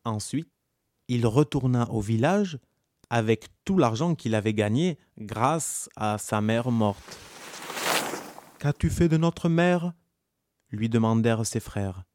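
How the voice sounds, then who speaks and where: Slow, mellow male storyteller. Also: on the low side. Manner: calm, measured storytelling. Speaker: narrator. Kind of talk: scripted narration of a folk tale.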